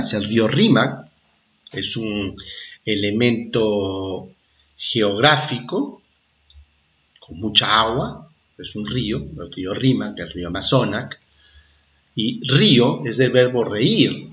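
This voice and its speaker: Animated and a bit bright, this man's mid-range voice comes through with the highs cut off. Teaching a recorded lesson to primary schoolers, he moves slowly, repeats key points, and asks "¿ah?" and "¿de acuerdo?" to be sure they get it.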